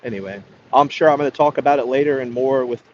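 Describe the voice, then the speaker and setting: A man's voice: medium pitch, fast talker, highs cut off, slight background noise. A man chatting casually to his livestream viewers, rambling and swearing, with hesitant restarts. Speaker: livestreamer greeting chat.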